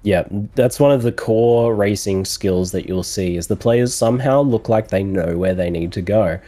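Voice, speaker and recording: Low, mellow man with a scratchy cold voice. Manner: analytical, measured explaining with fillers. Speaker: race commentator. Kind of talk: esports commentary.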